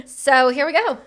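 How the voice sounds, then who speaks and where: A thirty-nine-year-old woman hosting a podcast, talking in a relaxed, rambling way. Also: sits high. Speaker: podcast host. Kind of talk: casual chat.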